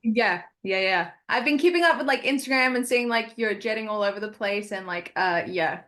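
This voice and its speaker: A woman with a New Zealand accent, a stunt performer guest in a casual interview, relaxed and friendly as she explains things. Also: mid-range voice, fairly quick.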